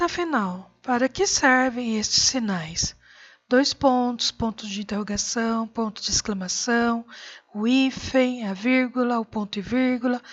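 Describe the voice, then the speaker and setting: A woman teacher reading a scripted lesson in a measured, clear way with deliberate pauses. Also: fairly high pitch, dull audio.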